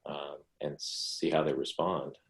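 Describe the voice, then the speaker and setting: Deep-voiced man presenting online. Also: a little slow, gravelly. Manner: relaxed conversational explaining, with restarts.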